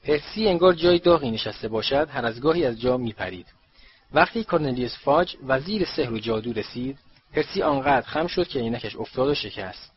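A man's voice: mid-range voice, lively intonation, a little hiss or hum. Man narrating a storybook, lo-fi. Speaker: audiobook narrator.

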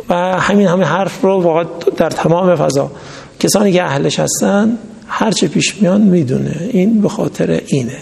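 A man's voice: a little high, creaky, mellow. A man giving a religious lecture, reading a text aloud and then explaining it in everyday speech with stories. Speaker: religious teacher. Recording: long hall reverb.

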